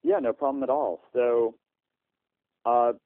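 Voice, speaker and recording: A man's voice: medium pitch, huge pitch swings, slow, creaky, dry recording. A man being interviewed over a landline phone, a startup founder answering at length with frequent "uh" fillers and restarts. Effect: heard over a landline phone. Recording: tinny, dry landline phone line.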